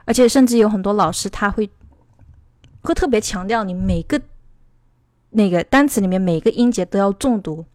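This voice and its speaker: Brief: chatty woman teacher from China, mid-pitched, dry close sound, loose explanatory talk. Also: moderate pace, pauses often, darkish tone, no echo. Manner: rambling, explanatory. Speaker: English teacher. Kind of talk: casual online lesson.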